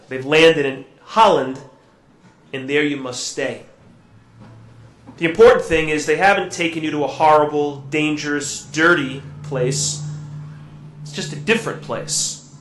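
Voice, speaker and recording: Priest preaching in cathedral echo. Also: male voice, a little high, a little hiss or hum. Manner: gentle and reflective, with halting fillers in his own words. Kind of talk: Gospel reading and homily at Mass. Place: church during Mass. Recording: echoey church room.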